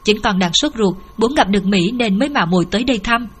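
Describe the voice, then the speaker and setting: A woman's voice: mid-range voice, animated, fast, slightly rough. A woman narrator voicing a polite, anxious young man who speaks respectfully to an older woman. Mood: earnest. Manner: deferential, earnest.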